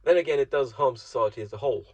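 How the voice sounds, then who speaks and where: A man's voice: mid-range voice, very fast, darkish tone, no room sound. A man from Germany talking to himself in a rambling, wry, self-mocking solo monologue. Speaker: solo vlogger. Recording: dull, dry close recording.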